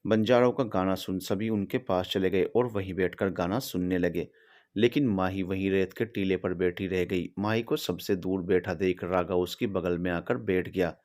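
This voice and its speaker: A man reads a romantic story aloud in steady, scripted narration. His voice sits low for a man. The delivery stays even. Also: moderate pace.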